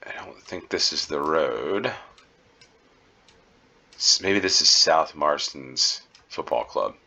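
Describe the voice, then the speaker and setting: A man from the United States rambles through casual gameplay commentary at home, thinking out loud and filling pauses with ums and uhs. His voice sits low, yet its tone is bright and forceful. He talks like a channel host chatting to his viewers. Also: animated, creaky. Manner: rambling, thinking aloud with many fillers.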